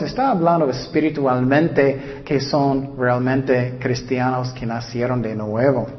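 A man preaching an earnest evangelistic sermon, often checking in with rhetorical questions, and closing in prayer. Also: a little high. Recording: dull lo-fi sound.

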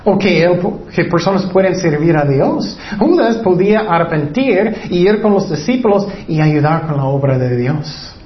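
A man's voice: fairly high pitch, expressive, normal speed, hardly any pauses. A man preaching a sermon, emphatic, repeating his phrases and firing off rhetorical questions. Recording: echoey, dull lo-fi room recording.

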